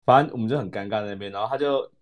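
A Taiwanese man with a Taiwanese Mandarin accent tells a story on a casual podcast, talking at a rapid clip in a lowish voice. He rambles, corrects himself mid-sentence and slips English words into his speech. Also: highs cut off. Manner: rambling, self-correcting, mixes in English words, laughs often. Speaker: podcast co-host.

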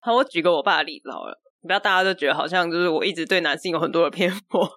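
A woman with a Taiwanese Mandarin accent, co-hosting a podcast and telling a family story in lively, exasperated fashion. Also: fairly low pitch, rapid-fire. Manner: animated storytelling, exasperated retellings. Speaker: podcast co-host. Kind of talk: casual chat.

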